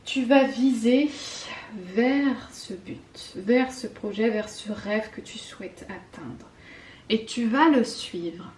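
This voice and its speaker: French woman, tarot guidance host, very unhurried, hushed and hesitant, faint hiss behind. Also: fairly high pitch. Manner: slow, soft and intimate, often dropping to a whisper; hesitant, with fillers and self-mocking laughs. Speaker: tarot card reader. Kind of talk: spiritual card-reading guidance.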